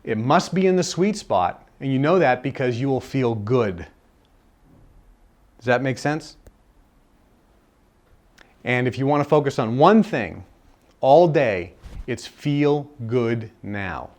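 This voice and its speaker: A man's voice: mid-range voice, expressive, unhurried, long pauses. A man speaking at a live self-help seminar in a conversational way, repeating phrases for emphasis.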